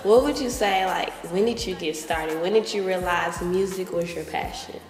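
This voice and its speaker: Young woman hosting an interview, lowish voice, chill and chatty, echoey room. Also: moderate pace. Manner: friendly and relaxed, asks questions with fillers. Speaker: interview host. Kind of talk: casual interview. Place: lounge with large windows, indoors. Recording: echoey room with music behind.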